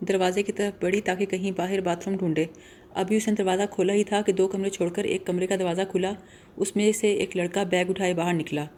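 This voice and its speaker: Woman narrator reading a novel, calm and measured, mellow warm tone. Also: medium pitch, slight background noise. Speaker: audiobook narrator.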